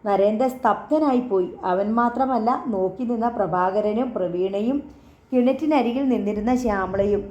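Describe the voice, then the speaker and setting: A woman reading a novel aloud in steady, measured narration. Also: medium pitch, roomy sound, muffled recording. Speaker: audiobook narrator. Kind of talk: scripted story narration.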